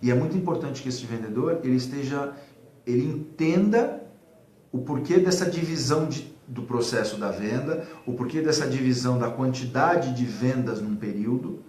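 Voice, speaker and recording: A man's voice: medium pitch, moderate pace, darkish tone. A man talking casually and animatedly about sales management, acting out little dialogues and using many fillers. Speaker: sales consultant guest. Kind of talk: casual advice talk. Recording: echoey room, faint background noise.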